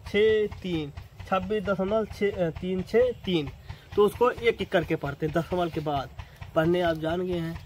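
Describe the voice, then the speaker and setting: In this rough recording with slight background noise, a man with a somewhat high voice teaches basic math in a relaxed classroom style. He speaks directly to his students, repeats every point, and ends lines with a questioning "na."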